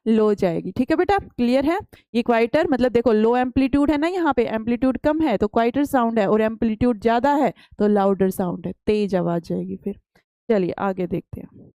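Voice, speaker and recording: A woman's voice: a little high, brisk, mellow, no echo. A woman teacher giving a science lesson, explaining patiently and asking the pupils questions, then answering them herself.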